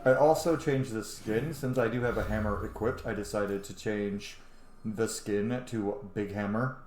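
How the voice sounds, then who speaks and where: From a small room at home, a man in his thirties narrates a casual let's play, chatty and full of swearing as the channel's host. His voice is on the low side, a little slow and darkish in tone, with an echoey room and faint noise.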